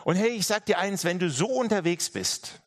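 A man's voice: sits high, animated, normal speed. A man preaching a sermon in an earnest, direct way, speaking straight to his listeners and often repeating his phrases.

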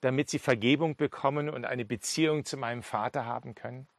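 A gentle male teacher asks earnest, searching questions, voiced by a man in a sermon. His voice sits at a middle pitch. The sound is dry and close. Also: steady tone, fairly quick, vocal fry, no echo, close to an everyday voice.

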